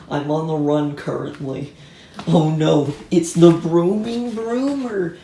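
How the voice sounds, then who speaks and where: A woman voicing a rambling, absurd fugitive in a silly comedy skit, deadpan and nonsensical. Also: fairly low pitch. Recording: echoey, distant, faint hiss.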